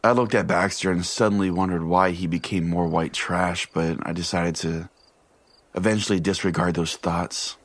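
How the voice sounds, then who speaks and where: Speaking in a low, steady voice at a moderate pace, a man hosting a podcast narrates a scripted comic tale about himself. He keeps a mock-solemn tone and swears freely.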